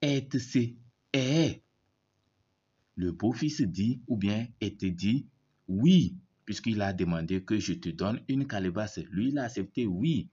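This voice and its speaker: A man with a very low voice teaches a language lesson at an unhurried pace, repeating words and checking in with his listeners. The recording is dull and lo-fi. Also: animated, dark tone, slightly rough. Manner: slow, repeats words, asks "c'est bon?". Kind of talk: reading lesson, explaining a story.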